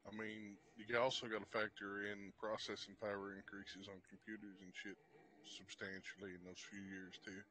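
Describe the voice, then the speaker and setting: A man's voice: on the low side, level tone, normal speed, sharp tone, rough recording. A man on gaming voice chat, teasing his friends with crude jokes. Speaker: online game player. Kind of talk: casual voice chat while gaming.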